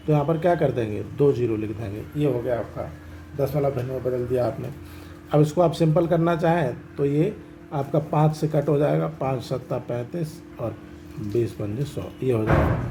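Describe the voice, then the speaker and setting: A man's voice: fairly high pitch, mellow, a little hiss or hum, low-quality recording. A man teaching a maths lesson, explaining each step and often asking whether students have understood. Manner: explains step by step, asks checking questions. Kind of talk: classroom lesson explaining decimals.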